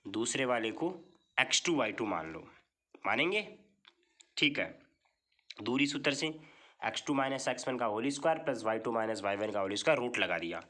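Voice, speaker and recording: A man's voice: medium pitch, a bit bright. A man teaching a maths lesson in a classroom style. He explains step by step, keeps checking with the class and asks questions that he answers himself. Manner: explains step by step with many repeated checks like "theek hai".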